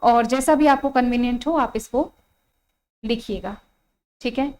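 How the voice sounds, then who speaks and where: Woman, Indian accent, online grammar teacher, fairly high voice, drawn-out spelling of words, repeats herself. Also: a little mellow, a little hiss or hum, rough recording. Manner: spells out words slowly, repeats key phrases. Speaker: English teacher. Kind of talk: online exam-prep grammar lesson.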